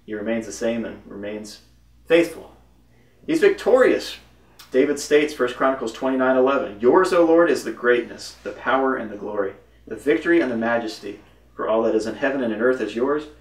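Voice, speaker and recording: A man's voice: medium pitch, fairly quick, far from the mic. A man teaching devotionally from the Bible, reading verses aloud and commenting with emphatic bursts. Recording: roomy echo, voice from off-mic.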